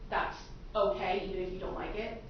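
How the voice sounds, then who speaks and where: A woman attorney speaks a little fast in a lowish voice as she questions prospective jurors in a large courtroom. She probes politely and echoes their answers back. Picked up by a distant mic, the audio is muffled, very echoey, and faintly noisy.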